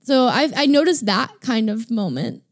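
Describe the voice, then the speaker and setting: A woman's voice: a little high, very animated, normal speed. A woman co-hosting a casual talk show, reflecting thoughtfully and often saying "like". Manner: thoughtful, reflective, says "like" a lot. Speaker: podcast co-host. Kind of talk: casual conversation.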